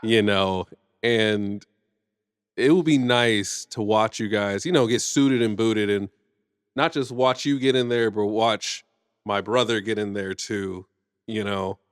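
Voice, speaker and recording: A man's voice: lowish voice, slow, clear, resonant tone, no echo, studio quality. A man hosting a podcast in a casual, playful manner. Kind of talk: casual chat.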